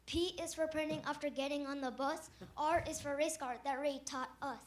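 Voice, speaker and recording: A young woman from Virginia playing a contestant in a student skit, reciting rhymes haltingly. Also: sits high, steady tone.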